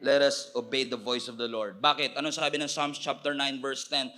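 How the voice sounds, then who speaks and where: Bright-voiced male pastor preaching. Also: mid-range voice, moderate pace. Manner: animated, humorous preaching that swings between soft asides and loud cries. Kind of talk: live church sermon. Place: church service before a congregation.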